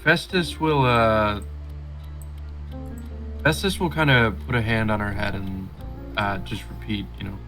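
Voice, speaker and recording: A man with a fairly low voice and heavy creak plays a tabletop game, improvising casually. Faint music runs behind his talk. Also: unhurried, long pauses. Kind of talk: casual, improvised role-play.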